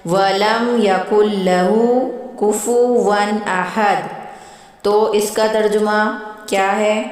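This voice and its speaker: Woman, recitation teacher, slow drawn-out chanting then plain explaining, very echoey, long reverb, distant from the mic. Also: mid-range voice. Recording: very echoey room from far off.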